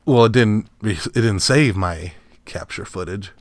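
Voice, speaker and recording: A man's voice: on the low side, a little slow, no room sound. A man hosting a let's play, giving casual, rambling commentary over the game with chuckling asides and frequent restarts. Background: faint game music and sounds.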